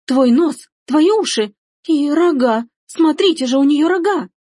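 A spiteful noble mother with a high, shrieking voice, as a woman voices her in a storybook. The voice is husky and dry. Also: animated, normal speed, no room sound.

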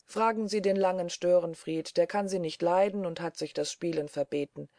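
A woman's voice: fairly low pitch, fairly even intonation, normal speed, dark tone, no room sound, studio quality, lightly acted. A woman reading as a brooding, eerie male assistant. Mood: wry. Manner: musing, darkly wistful.

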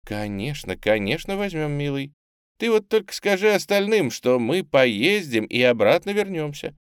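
A man's voice: on the high side, big pitch swings, moderate pace, clean tone, no echo, studio quality, pitched above the performer's own voice. A man voicing a cheerful, kind young woman who coaxes street children, in an audiobook. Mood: gentle. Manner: warm and coaxing.

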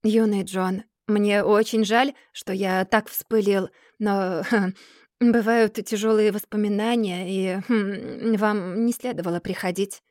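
A woman voicing a proud, quick-tempered older gentleman who blusters loudly and hems and haws when embarrassed. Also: on the high side, dry recording, clean studio sound, close to an everyday voice. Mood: awkward. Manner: blustering, then faltering with hems.

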